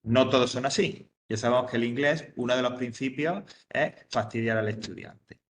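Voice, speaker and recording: A man's voice: medium pitch, moderate pace, fairly bright tone, echoey room, slight background noise. A man teaching English grammar to an adult class, patiently repeating each point step by step. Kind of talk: classroom explanation.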